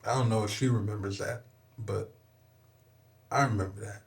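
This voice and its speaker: On a podcast, a young adult rapper from Southern California recounts a personal story at normal speed, his low-side voice steady in tone and touched with vocal fry. He's candid and emphatic, swears often, and repeats "you know what I'm saying."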